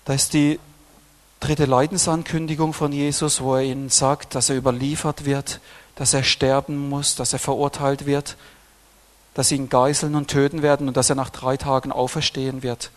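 An emphatic male preacher delivering a sermon at a middling pitch. His volume keeps rising and falling, and he often repeats words as he builds a point. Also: flat delivery, moderate pace. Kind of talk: sermon on scripture.

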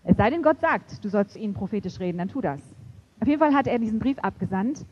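A middle-aged woman preaching a sermon in an animated storytelling way, acting out the voices she quotes. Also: mid-range voice, fast, slight background noise. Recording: dull lo-fi recording.

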